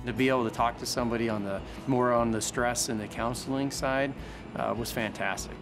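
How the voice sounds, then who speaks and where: A man talks earnestly and reflectively as a former heart patient, his voice at a mid pitch. Clear music runs behind him in this documentary interview. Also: fairly even intonation, brisk. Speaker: cardiac rehab patient. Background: background music.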